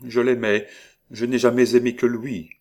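A man's voice: mid-range voice, little pitch movement, moderate pace, pitched above the performer's own voice, lightly acted. A man voicing a proud, cold young woman who speaks defiantly in a raised, sharper voice in an audiobook.

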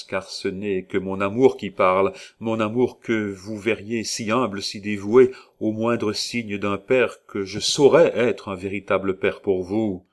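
A man's voice: fairly low pitch, natural voice. A man reading the part of a jealous, passionate young man of twenty-five, speaking heatedly and with emphasis.

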